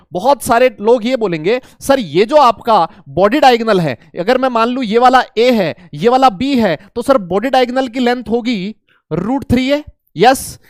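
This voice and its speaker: A man teaching chemistry to a class, animated, repeating key points and coaxing and scolding students. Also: very high-pitched, no room sound, studio quality. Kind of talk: classroom lecture.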